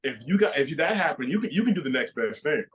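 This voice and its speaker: Excited stammering young man. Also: fairly high pitch, fast, low-quality recording. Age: 20s. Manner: excited, stammering with many repeated starts. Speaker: guest bodybuilder. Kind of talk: casual interview answers.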